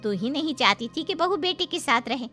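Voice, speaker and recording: A woman's voice: high voice, animated, a little fast, bright, forceful tone, soft background music. A woman voicing a scheming, spiteful older female friend in a cartoon story, with a gloating, conspiratorial manner. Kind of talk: cartoon voice acting.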